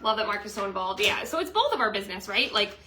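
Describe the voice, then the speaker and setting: A woman's voice: mid-range voice, sing-song, quick pace, sharp tone, slight background noise, rough recording. A woman chatting casually at home while she works on a craft project, teasing her husband and laughing along. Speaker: craft livestream host. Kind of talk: casual craft livestream chat. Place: home workroom.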